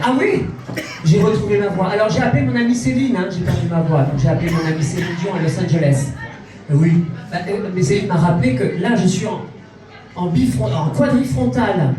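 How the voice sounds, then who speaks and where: A man's voice: high voice, a little fast, warm tone. A man playing a vain camp stage diva. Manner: grandiose, self-mocking, camp delivery. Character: vain self-proclaimed international diva, female persona. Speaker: drag cabaret performer. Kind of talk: cabaret stand-up in character. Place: cabaret club stage before a live audience. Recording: distant echoey club sound with crowd.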